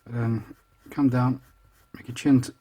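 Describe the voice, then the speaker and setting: His delivery is flat and unhurried, mellow and a little breathy in the mid-range, as this man walks viewers through a casual real-time drawing tutorial step by step. He's chatty and self-deprecating, heard only as a voice over the drawing.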